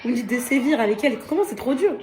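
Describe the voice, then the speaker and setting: A woman vlogging casually on her phone at home, chatty and excitable, talking straight to her followers and laughing often. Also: fairly high pitch, very fast. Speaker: lifestyle vlogger. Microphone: phone held at arm's length.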